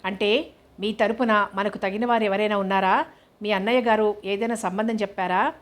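A woman voicing a thoughtful, philosophical middle-aged husband who talks in a soft, reasoning way. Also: mid-range voice, fairly even intonation, moderate pace, natural voice.

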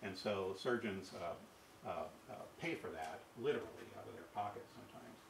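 Middle-aged man lecturing, halting, lots of fillers, low voice, echoey hall heard from far off. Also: vocal fry, background noise. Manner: halting, many fillers and restarts; asks the audience rhetorical questions. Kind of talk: university ethics lecture.

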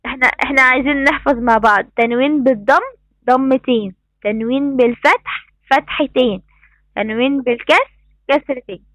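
A woman's voice: sits high, a little fast, a bit bright, no room sound. A woman with an Egyptian Arabic accent teaching an online class to young pupils. She encourages them, repeating praise and instructions. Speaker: primary school teacher. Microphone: computer mic on a video call.

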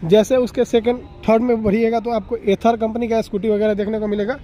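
A man's voice: sits high, level tone, a little fast, dark tone, lo-fi sound, a little hiss or hum. A young man from Bihar, India, vlogging a walkaround of vehicles at an outdoor expo and chatting to viewers as brother, recorded on a handheld phone. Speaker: auto vlogger. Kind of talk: walkaround vehicle review vlog. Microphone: phone camera at arm's length.

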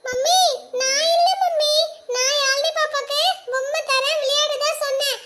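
A performer voicing a gentle cartoon boy who comforts a crying little girl. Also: very high voice, fairly even intonation, moderate pace. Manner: soothing, coaxing. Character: kind gentle young boy, caring cousin.

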